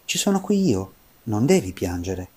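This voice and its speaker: A man voicing a calm, wise talking dog who reassures a lonely boy. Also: fairly low pitch, normal speed, breathy edge.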